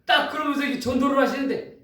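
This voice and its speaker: Pastor, male, emphatic sermon storyteller, high voice, heard from a distance. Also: fast, a bit bright. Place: church sanctuary. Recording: echoey hall, distant mic.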